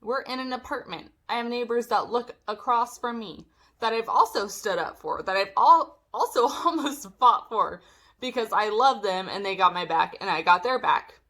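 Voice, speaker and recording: A young woman vlogger telling a storytime, animated and swearing as she acts out what people said. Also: a little high, moderate pace. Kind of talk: storytime vlog.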